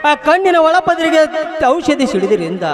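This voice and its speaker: A man's voice: extremely high pitch, big pitch swings, moderate pace, faint music behind. An actor playing an earnest young village doctor who consoles his friend in a declamatory stage delivery.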